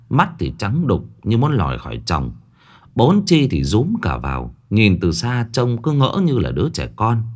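A man narrating a ghost story with dramatic, expressive delivery. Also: fairly low pitch.

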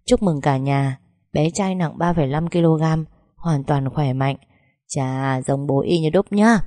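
A woman voicing a brisk doctor who gives encouraging instructions during a birth. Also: sits low, dark tone, no room sound. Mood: cheerful. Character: brisk cheerful delivery doctor.

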